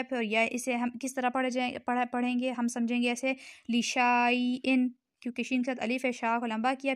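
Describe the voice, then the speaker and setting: A woman with a Pakistani Urdu accent teaching Quran recitation rules, patiently repeating each word slowly and checking in with her listeners. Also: a little high, clean tone, dry recording, clean studio sound. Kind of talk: tajweed lesson explanation.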